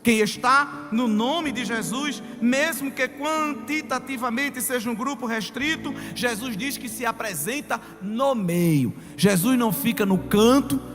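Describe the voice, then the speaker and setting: A man preaching a sermon as pastor, emphatic, rising to loud declarations. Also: very high-pitched, unhurried, few pauses. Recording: long hall reverb with music.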